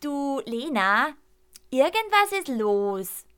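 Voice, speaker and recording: A woman voicing a worried eight-year-old boy in a storybook reading, speaking in a halting, anxious way. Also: high-pitched, very animated, a bit bright, pitched above the performer's own voice, exaggerated voice.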